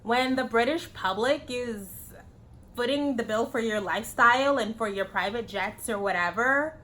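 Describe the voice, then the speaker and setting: A woman's voice: on the high side, normal speed, bright, forceful tone. A woman giving her blunt, profane opinions in a casual vlog, often breaking into laughter. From United States. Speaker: vlogger.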